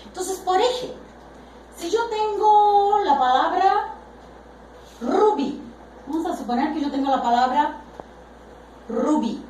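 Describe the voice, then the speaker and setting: Slow, lively high-voiced woman teaching. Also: slight background noise. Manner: deliberate, drawn-out stresses on example words. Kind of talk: slow explanatory Spanish grammar lesson. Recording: echoey room, voice from a distance.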